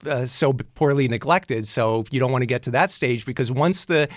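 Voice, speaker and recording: A man's voice: medium pitch, normal speed, dry recording. A man co-hosting a radio show, giving practical home maintenance advice in a casual way, often restarting his sentences. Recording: dry studio sound.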